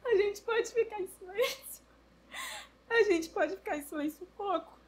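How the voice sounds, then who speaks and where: A woman's voice: very high voice, moderate pace. A woman playing a young woman in tears, speaking in a broken, tearful voice.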